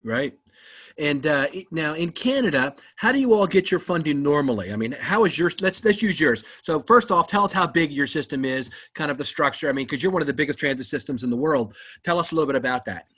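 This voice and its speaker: A man's voice: on the high side, expressive, fairly quick, a bit bright, slightly rough. A man hosting a podcast in a casual, enthusiastic way, with frequent ums and uhs. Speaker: podcast host.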